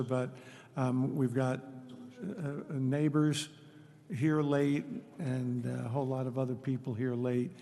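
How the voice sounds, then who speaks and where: A man speaking as a city councilman at a meeting, hesitant and halting with many fillers. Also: medium pitch, gravelly, darkish tone. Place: large council chamber. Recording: echoey council chamber with faint noise.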